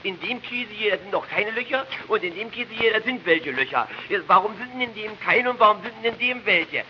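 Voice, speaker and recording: A man's voice: lively intonation, fairly quick. A whiny little boy on an old record. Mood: whining. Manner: whining, pestering, shrill. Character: whiny curious little boy at the dinner table. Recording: dull noisy old record.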